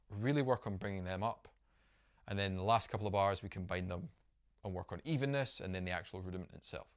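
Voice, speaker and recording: Drum teacher, man, lowish voice, friendly upbeat explainer who counts beats aloud. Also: a bit bright. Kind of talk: instructional video lesson.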